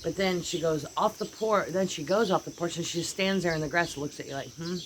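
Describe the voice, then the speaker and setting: A woman's voice: on the low side, fairly quick. An American woman vlogger chatting casually and rambling about her dogs, sitting outside on a porch. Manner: rambling and animated, voices her dogs' thoughts. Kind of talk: casual chat. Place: outdoors on a porch. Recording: outdoor noise with birds and insects. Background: birds and insects.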